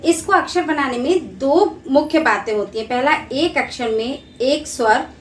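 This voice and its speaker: High-voiced teacher in an echoey room. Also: female voice, normal speed, a little hiss or hum. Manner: patient, explains step by step, repeats key terms. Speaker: school Hindi teacher. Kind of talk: recorded grammar lesson.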